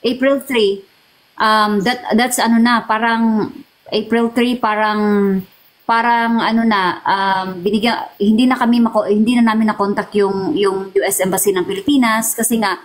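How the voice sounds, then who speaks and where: A middle-aged woman from the Philippines giving an emotional personal testimony as an interview guest, pausing, repeating and restarting her words. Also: on the high side, steady tone, low-quality recording. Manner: halting, repeats and restarts words, mixes Tagalog and English.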